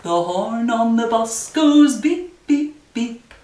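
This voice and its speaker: With a fairly high, mellow voice and lively intonation, a library story time leader takes it slowly while leading a nursery rhyme singalong for small children. She offers simple instructions and encouragement, captured by a distant microphone in an echoey room.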